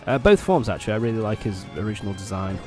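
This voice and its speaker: Young man, lowish voice, recovering from a cold, casual gameplay commentary, hesitant, sweary, music behind. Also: very animated, racing. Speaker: let's play host. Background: loud game music.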